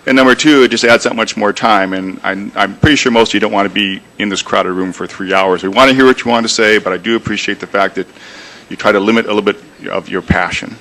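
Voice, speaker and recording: A man with a deep voice speaks as a county supervisor before a packed public meeting room. His appeal is courteous and sincere. He restarts phrases now and then as he finds his words. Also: fast talker, fairly bright tone, rough recording. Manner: polite, earnest appeal with small restarts. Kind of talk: addressing a public hearing.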